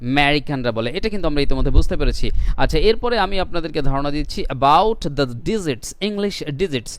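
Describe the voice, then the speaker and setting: A male language teacher in an online lesson, slowly repeating words to model pronunciation and switching between explanation and English phrases. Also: a little high, expressive, smooth.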